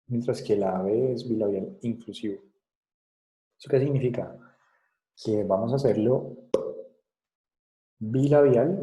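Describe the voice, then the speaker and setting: Casting: man, lecturer, very dark and mellow tone, lowish pitch, patient explaining style. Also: low-quality recording. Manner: explanatory, checks understanding with frequent tag questions. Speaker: psychology lecturer. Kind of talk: recorded class lecture.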